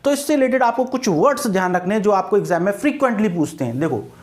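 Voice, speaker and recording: A man's voice: high-pitched, lively intonation, quick pace. Man, teacher, exam-prep lesson, spells out words, repeats answers. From India. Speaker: English teacher.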